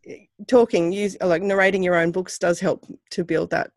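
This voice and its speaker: A woman's voice: on the low side, flat delivery, moderate pace, dry recording, clean studio sound. A woman guest on a podcast who narrates her own books, giving thoughtful, practical explanations in a casual chat. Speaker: guest author and self-narrator.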